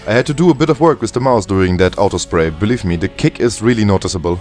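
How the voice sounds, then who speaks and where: A man's voice: lowish voice, expressive, fast, darkish tone. A man giving informal, sweary commentary on a video game as a let's play host. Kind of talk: casual gameplay commentary. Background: game music.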